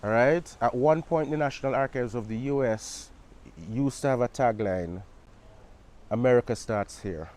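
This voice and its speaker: A middle-aged man from Barbados, an archivist answering interview questions in a relaxed, conversational way with asides like "you know.". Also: mid-range voice, normal speed. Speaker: archivist and academic guest.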